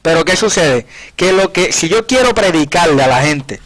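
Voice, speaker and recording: A man with a fairly high voice teaching from the Bible in an earnest, conversational way. He retells scripture scenes as quoted dialogue and restarts his phrases often as he works through a point, heard on a radio Bible program. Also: animated, normal speed, fairly bright tone, rough recording. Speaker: preacher on a Bible study program.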